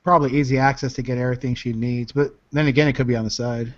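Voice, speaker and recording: A man around forty talks casually in a laid-back, slangy manner, with a mid-pitched voice. The sound is dry and close but a bit dull, like an online voice chat. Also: fairly even intonation, racing, no echo. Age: about 40.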